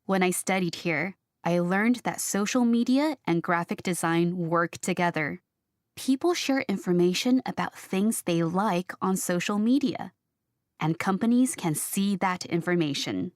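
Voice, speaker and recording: A woman speaking as a graphic designer in a scripted textbook interview, explaining her work clearly. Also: lowish voice, measured pace, no room sound, studio quality.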